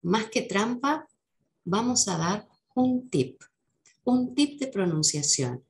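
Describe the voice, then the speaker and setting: Unhurried woman teacher with gravelly voice. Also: medium pitch, lively intonation. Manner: patient, slows down to model English words. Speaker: English teacher. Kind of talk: lesson explaining English for Spanish speakers.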